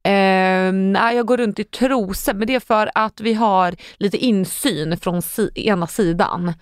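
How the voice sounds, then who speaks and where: A young woman co-hosting a podcast in casual chat, animated and acting out quotes. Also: clean tone, dry recording, studio quality. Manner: animated, acts out quotes with sudden high outbursts and laughs. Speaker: podcast co-host.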